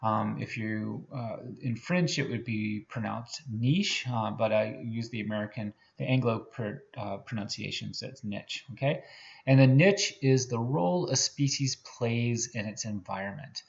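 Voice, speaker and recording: A man's voice: lowish voice, moderate pace, creaky, lo-fi sound. A man teaching a recorded biology lecture in a conversational way, with many fillers and restarts, often checking in with "okay?". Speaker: biology professor.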